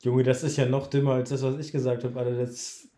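A man's voice: mid-range voice, level tone, mellow. Young guy bantering in an echoey room. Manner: joking, slangy banter with hesitant pauses. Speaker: podcast co-host. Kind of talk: casual chat.

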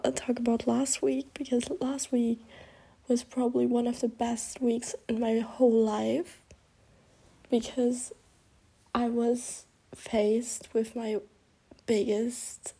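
Young woman podcaster, sick and hoarse, husky half-whisper, mellow tone, rambles with restarts. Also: on the high side. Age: young adult. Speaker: podcast host. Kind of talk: casual solo podcast chat.

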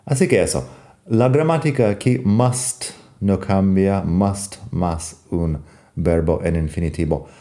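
Guy teaching english grammar, deep mellow voice, slow and patient, repeats examples, lots of little pauses. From United States. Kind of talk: bilingual language lesson.

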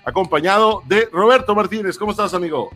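A man's voice: high-pitched, fast talker, a bit bright, soft background music. A man with a Mexican accent hosting a podcast in casual, slangy conversation. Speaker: podcast host. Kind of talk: casual chat.

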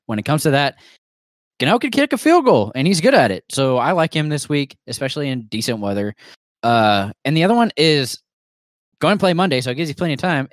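A man's voice: medium pitch, no echo, studio quality. A man giving fantasy football picks in a loose, rambling way, with restarts and fillers. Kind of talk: casual picks talk.

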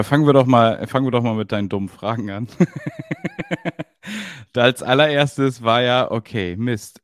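A man co-hosting a podcast in relaxed, knowledgeable casual chat with a slangy turn of phrase. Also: lowish voice, no room sound, studio quality. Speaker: podcast co-host.

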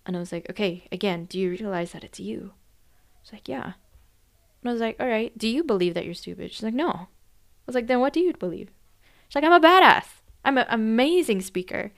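Chatty woman coach, mid pitch. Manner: conversational, retells client sessions with quoted dialogue, many fillers. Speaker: life coach and timeline therapist. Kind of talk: casual podcast monologue.

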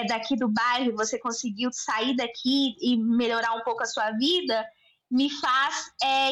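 A woman's voice: sits high, rough recording. A woman, a podcast guest chatting casually and acting out the people in her stories. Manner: animated storyteller acting out quoted dialogue. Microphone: remote recording at home.

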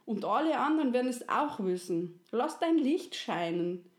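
A woman's voice: on the high side, very animated, moderate pace, voice pushed up. A woman voicing a kindly, wise creator woman, soothing and folksy. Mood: gentle. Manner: soothing, folksy, fond of dialect fillers. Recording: roomy echo.

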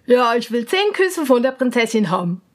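A woman's voice: a little high, very animated, moderate pace. A woman voicing a cunning young prince disguised as a swineherd, blunt and stubborn. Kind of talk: storybook reading.

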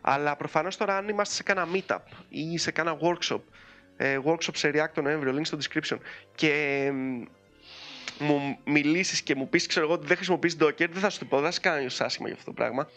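Bright, lively male podcast host. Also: on the high side, faint music behind. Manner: chatty and animated, with frequent fillers. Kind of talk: casual chat.

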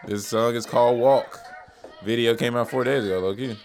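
A man's voice: medium pitch, fairly even intonation, a little fast, a little mellow. A man co-hosting a casual show, reacting to music videos with loose, profane banter and laughter. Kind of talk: casual chat.

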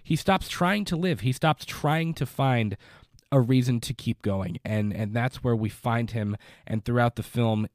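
A young man with a stuffed-up, congested voice hosts a casual live movie review podcast from his basement, rambling and repeating words. His mid-range voice is unhurried, and the recording is dry and studio quality.

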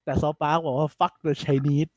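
A man hosting a casual podcast chat, retelling things in an animated way with lots of fillers. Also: fairly high pitch, a little slow, dry recording, clean studio sound. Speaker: podcast host.

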